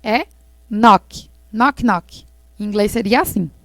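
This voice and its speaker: A woman English teacher explaining slowly and patiently, repeating words for her students in a recorded lesson. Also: a little high, expressive, no echo.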